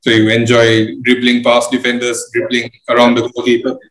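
A young man interviewing a guest over a video call, asking halting questions with many fillers. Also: medium pitch, completely flat delivery, a bit bright. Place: room with bookshelves indoors. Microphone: video call webcam. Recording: roomy webcam audio.

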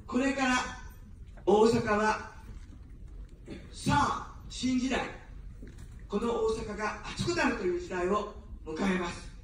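Speaking slowly with long pauses, this election candidate has a voice on the high side. She gives an evening outdoor campaign speech in unaccented standard Japanese, joking at first, then earnestly begging for votes. The very echoey street PA sounds distant, with a little hiss or hum.

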